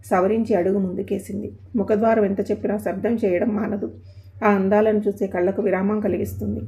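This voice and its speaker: A woman's voice: mid-range voice, mellow. A woman narrating a scripted story in a poetic, descriptive way.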